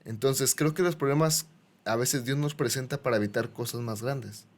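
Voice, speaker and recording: Hombre reflexivo de tono medio. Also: male voice, mid-range voice, moderate pace. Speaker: podcast co-host. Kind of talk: casual reflective chat.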